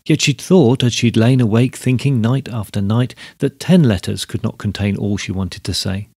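A man narrating a classic short story in a measured, steady storybook reading. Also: medium pitch, gravelly, slightly rough, no room sound, studio quality. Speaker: podcast host reading a story.

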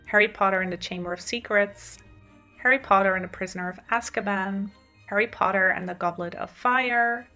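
With soft music underneath, this woman talks briskly in a bright, forceful, mid-range voice. She's a native Dutch speaker in her thirties from the Netherlands, with a Dutch accent, presenting casually to camera and in voice-over as a chatty, enthusiastic video host.

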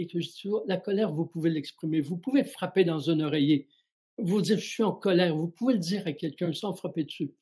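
A middle-aged man speaks as a spiritual guide on a live show, answering questions from his audience. His voice is mellow and a little husky. He talks calmly and reflectively, addressing each listener directly. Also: sits high.

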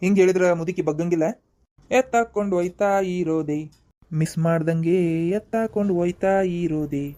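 A woman voicing a grumpy, teasing old husband in a cartoon, speaking with a North Karnataka accent in a gruff, coaxing way. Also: on the low side, normal speed, warm tone, natural voice. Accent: North Karnataka Kannada.

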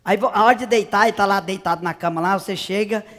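A male comedian tells a gossipy comic story in character as a brash, naive country woman from the interior. His voice is high-pitched, fast and a bit bright, chatty and exaggerated with squealing cries. The sound is that of a big room.

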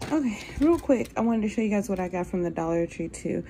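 A woman's voice: mid-range voice, expressive, fast talker, mellow, a little hiss or hum. A young woman vlogger chatting casually about her groceries, upbeat and full of fillers, filmed on a phone in her home kitchen. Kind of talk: casual grocery haul chat. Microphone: phone camera held close.

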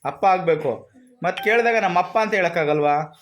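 Father gently coaxing with questions. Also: sits high, brisk, soft background music. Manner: coaxing, gently scolding, keeps asking questions. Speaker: father, vlogger. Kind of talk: casual family chat.

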